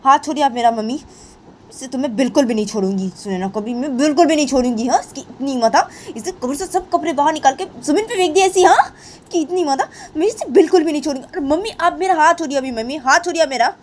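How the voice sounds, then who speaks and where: Woman voicing a furious, shrill young woman. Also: fast talker, a little hiss or hum, natural voice. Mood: angry. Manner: shrill, insistent, repeats herself. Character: fiery young woman, quick to anger.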